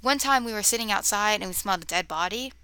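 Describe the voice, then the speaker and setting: A young woman tells ghost stories in a loose, rambling way, full of fillers and sudden dips into a whisper. Her voice is bright with a gravelly edge. She records on a cheap camera mic in her room at home. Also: mid-range voice, animated, fast talker, no room sound. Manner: rambling, many fillers, often drops to a whisper; easily distracted, talks to her cat. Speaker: vlogger. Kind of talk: casual storytelling to camera. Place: bedroom near a road, windows open.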